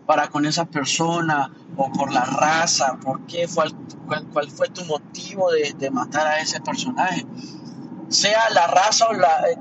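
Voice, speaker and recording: Man, fairly high voice, rambling and earnest, distant muffled mic outdoors, loud traffic behind. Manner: rambling, repeats words, earnest and indignant. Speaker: commentator sharing opinions. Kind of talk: casual monologue.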